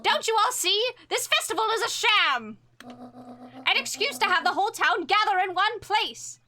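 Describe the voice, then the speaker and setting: A woman's voice: very high voice, lively intonation, normal speed, sharp tone, a little hiss or hum, voice pushed up, full character voice. A woman voicing a fierce, desperate older woman in a video game, pleading urgently with a crowd. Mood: urgent outcry.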